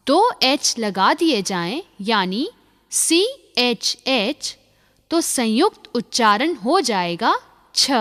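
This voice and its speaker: A woman narrates a phonics lesson, spelling out each sound with unhurried, deliberate care. Her pitch sits fairly high and moves about a lot, and she speaks very slowly. A long reverb trails behind her voice. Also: fairly bright tone. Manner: slow, deliberate, measured. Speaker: phonics teacher. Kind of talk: slow scripted lesson narration.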